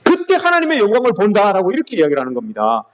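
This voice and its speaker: A man's voice: high-pitched, wildly swooping pitch, very fast. A man preaching a sermon as pastor, emphatic and often calling out to the congregation. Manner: emphatic, repeatedly addressing the congregation.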